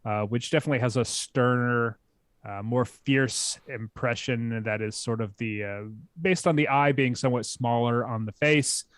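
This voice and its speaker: A man's voice: medium pitch, steady tone, moderate pace. A middle-aged man co-hosts a casual live stream about birds. He works through his explanations step by step, thinking aloud. The sound is dry, with no room echo. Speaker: co-host answering bird questions.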